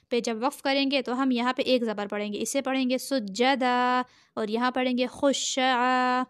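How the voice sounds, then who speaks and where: A woman teaching Quran reading, spelling out each syllable slowly and then joining them. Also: sits high, smooth, no echo, studio quality. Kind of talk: slow spelled-out recitation lesson.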